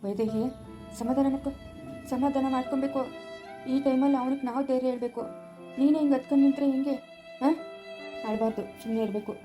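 A woman's voice: high voice, steady tone, fast, long pauses, music in the background, natural voice. A woman playing a worried father who consoles his wife and scolds his daughter in an amateur family drama. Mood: stern.

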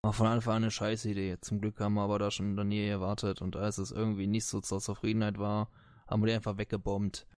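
A man's voice: fairly low pitch, monotone, fast talker, a little mellow, no room sound, clean studio sound, lightly acted. A man doing a foul-mouthed soldier. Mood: boastful. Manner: vulgar, swearing, slangy and dismissive. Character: crude foul-mouthed male soldier under interrogation. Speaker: game master voicing a character. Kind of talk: tabletop role-play in character.

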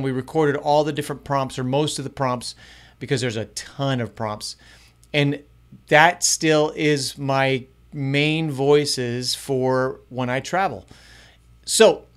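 Man, middle-aged, fairly high voice, chatty upbeat tutorial, close mic in a small room. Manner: upbeat, chatty, varying pace. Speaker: youth ministry podcast host. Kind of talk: casual tutorial vlog. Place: small home studio room. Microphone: close studio mic in front.

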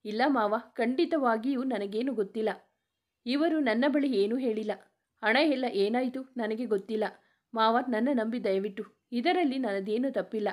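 A woman's voice: a little high, moderate pace, darkish tone, natural voice. A woman voicing a wronged young wife who pleads and reproaches through tears in a spoken story. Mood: pleading.

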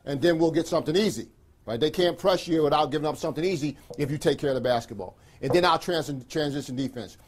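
A man's voice: fairly high pitch, fast. A middle-aged man speaking as a basketball coach in a pregame team talk, giving emphatic, clipped instructions and often checking in with "right?". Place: small carpeted locker room, indoors.

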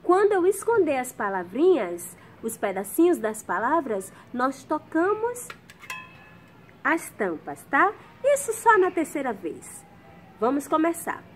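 Uma professora de música dando aula para crianças pequenas, explicando com calma e paciência, passo a passo. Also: female voice, high voice, measured pace. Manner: gentle, patient, explains step by step. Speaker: music teacher for young children. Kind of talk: children's music lesson. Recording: noisy background.

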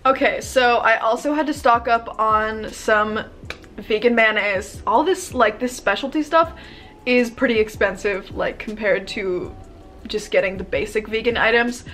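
A woman's voice: on the high side, a little slow, fairly bright tone, faint music behind. Chatty young woman gushing in a bedroom. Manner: bubbly, chatty, gushing, frequent "like" and "um". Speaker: vlogger. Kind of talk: casual haul video.

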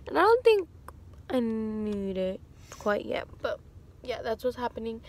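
A woman's voice: on the high side, sing-song, measured pace. A young woman chatting casually to camera as a vlogger, recorded on a phone held at arm's length inside a car. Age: young adult.

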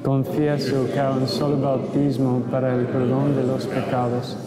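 A man leading Mass as priest, intoning the creed and prayers in a steady, measured way, his voice carrying a cathedral echo. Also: mid-range voice, loud music behind the voice. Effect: cathedral echo, long church reverb. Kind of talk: liturgical recitation of creed and prayers. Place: large church. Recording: echoey church hall with congregation. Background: congregation responding.

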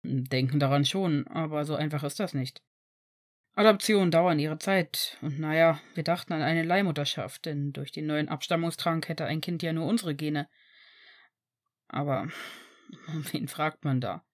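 A woman voicing an adult male healer in an audiobook reading of a story, pitching her voice down and speaking softly and slowly. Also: lightly acted. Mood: gentle. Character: calm dry-witted male healer, adult.

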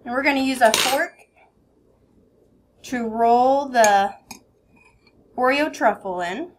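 A young woman with a fairly high voice gives simple step-by-step instructions while she works in a kitchen. A faint hiss sits under her voice. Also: slow pace. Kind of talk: cooking demonstration. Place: home-style kitchen.

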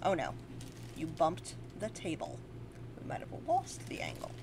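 A woman co-hosting a podcast at home, chatting casually with a friend, loud, teasing and swearing. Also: low-pitched, huge pitch swings, a little slow, gravelly, slight background noise. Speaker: podcast co-host. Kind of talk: casual chat. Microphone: shared desk mic at home.

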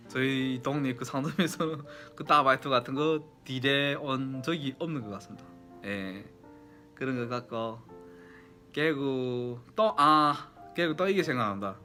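A man's voice: mid-range voice, bright, forceful tone. A man from Yanbian in China with a Yanbian Korean accent, chatting casually and politely to viewers as he reminisces. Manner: chatty, polite formal endings. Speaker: vlogger. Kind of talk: casual nostalgic storytelling to viewers.

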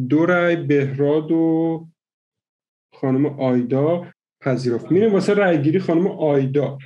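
A man hosting an online party game, counting out votes slowly and methodically. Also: on the high side, darkish tone. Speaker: game host.

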